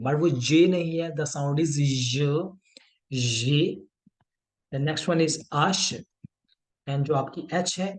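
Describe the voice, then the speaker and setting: Slow, careful male teacher. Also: fairly high pitch. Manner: mixes Hindi and English, repeats sounds slowly for learners. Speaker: French teacher. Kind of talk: language lesson at a whiteboard.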